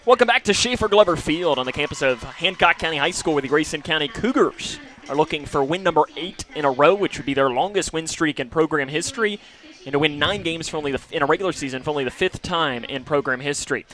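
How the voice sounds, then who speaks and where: A man hosting a pregame high school football radio show, reeling off player stats and trading remarks with his co-host. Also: fairly bright tone. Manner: reads off stats quickly, banters with co-host. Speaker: radio play-by-play announcer.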